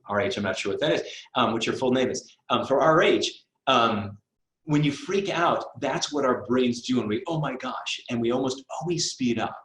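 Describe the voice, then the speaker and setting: A man's voice: mid-range voice, fairly bright tone. A middle-aged man teaching a live online test prep class in a conversational way, with fillers and asides. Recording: roomy echo.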